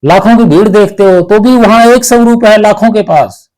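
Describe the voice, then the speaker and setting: A man giving a slow, explanatory spiritual discourse, often checking that listeners follow. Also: high voice, darkish tone. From Haryana, India. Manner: slow, explanatory, asks "ठीक है" to check understanding. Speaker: spiritual teacher.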